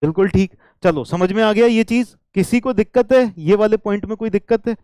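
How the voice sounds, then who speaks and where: High-voiced and fairly quick, the man has a dark, clean tone with no room sound. He's giving an engineering lecture, checking in with students, repeating key ideas, and now and then saying a line in English.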